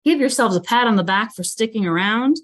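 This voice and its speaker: Over a video call, a woman with a slightly high, expressive voice leads a live virtual painting class at a brisk pace. She chats and thinks aloud while painting, often laughing at herself.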